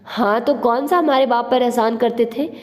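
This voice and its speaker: A woman's voice: fairly high pitch, moderate pace, in a large hall, natural voice. Woman reading as a jeering young man. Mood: mocking. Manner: jeering, insulting. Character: rough mocking young man.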